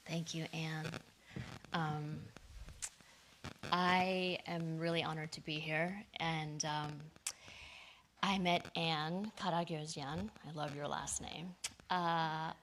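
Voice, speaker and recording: A woman's voice: deep voice, steady tone, slow, pauses often, a bit bright, a little hiss or hum. A woman speaking at a podium, telling a personal story in a conversational, earnest way with frequent fillers. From United States. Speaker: guest speaker. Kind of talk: public talk at a podium. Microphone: handheld or lapel microphone.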